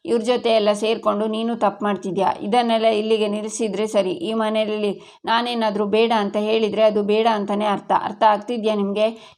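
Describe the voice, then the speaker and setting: Woman reads strict older male household head; scolding, even-pitched narration of a serial recap. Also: lightly acted. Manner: scolding, laying down rules. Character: stern middle-aged man, strict head of household.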